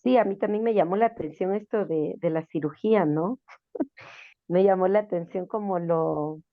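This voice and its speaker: Hesitant woman in a book club, gravelly low voice, dry phone-like audio. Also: normal speed, no echo. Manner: hesitant, tentative, with short laughs. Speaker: reading club member. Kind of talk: casual book club discussion over a call.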